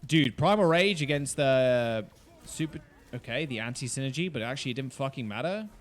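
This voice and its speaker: Man, esports streamer, casual replay commentary, frequent swearing, excitable, medium pitch. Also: a little fast. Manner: swears often, excitable reactions.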